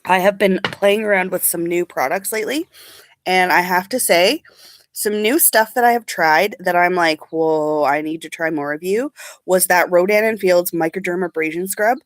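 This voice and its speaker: A young adult woman with a lowish voice speaks at a moderate pace, chatting casually on a beauty livestream. She rambles as she reads and answers live comments, sounding slightly sniffly from allergies. The room tone is completely dry, with no echo.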